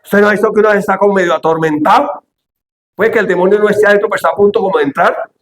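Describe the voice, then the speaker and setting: A man's voice: sits high, fairly even intonation, racing, fairly bright tone, reverberant. A man preaching a sermon, asking the congregation questions and acting out quoted speech with dramatic voices.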